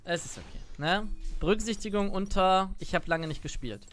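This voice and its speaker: At a moderate pace, his high-sitting, slightly bright voice rambles casually to viewers over soft background music. He's an Italian-born gaming streamer in his twenties commenting on his play indoors at his setup, wearing a headset near a close desk mic.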